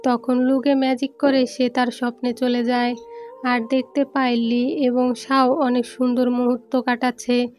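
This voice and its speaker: A woman narrating a film recap in a steady, even storytelling read, with soft music underneath. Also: on the high side, measured pace. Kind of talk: scripted movie recap narration.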